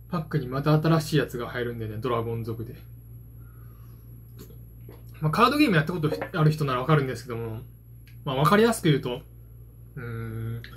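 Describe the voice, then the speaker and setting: A man's voice: mid-range voice, slightly rough. A man in his forties from Japan chatting casually and rambling to the camera, with self-deprecating, hesitant asides. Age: 40s. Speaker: vlogger, card game hobbyist. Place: small dim room at home, indoors. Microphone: phone propped at arm's length.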